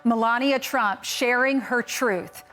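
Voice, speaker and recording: A woman's voice: on the high side, slow, a bit bright, soft background music. A woman television interviewer narrating a promo and asking questions in polished broadcast style. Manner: polished, emphatic promo delivery.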